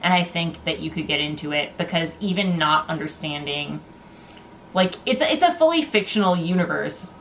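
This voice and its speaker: A woman's voice: deep voice, lively intonation, normal speed, fairly bright tone, poor audio. A woman co-hosting a book review, chatting casually in rambling, informal, stop-and-start phrases. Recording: noticeable background noise.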